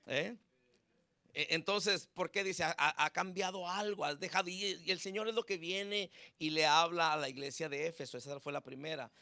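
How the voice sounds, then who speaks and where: Gravelly-voiced man preaching a sermon. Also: a little high, steady tone, a little slow, sharp tone, no echo, clean studio sound. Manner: conversational preaching, mixing in English words, with prayer. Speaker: pastor.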